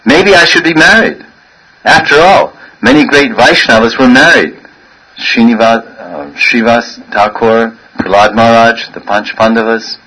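Husky, bright-toned man giving a sermon. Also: medium pitch, measured pace, low-quality recording. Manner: playful, laughs often, acts out voices. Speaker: spiritual teacher.

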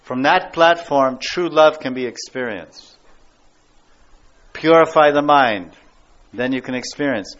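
A man's voice: mid-range voice, measured pace, long pauses, fairly bright tone. Emphatic preaching man, lo-fi sound. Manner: emphatic, repeats key words and phrases. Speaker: spiritual teacher. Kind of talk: devotional class lecture. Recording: dull lo-fi recording.

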